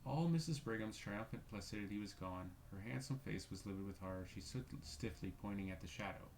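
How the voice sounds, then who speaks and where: A man reading a classic ghost story aloud in a measured, steady way. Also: on the low side, slight background noise, rough recording. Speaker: reader.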